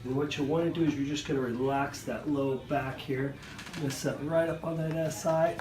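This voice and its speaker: A man's voice: a little high, fairly even intonation, a little fast, darkish tone, a little hiss or hum. A man working as a chiropractor, casually talking a patient through a hands-on adjustment with short, reassuring instructions. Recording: echoey room, distant mic, music behind.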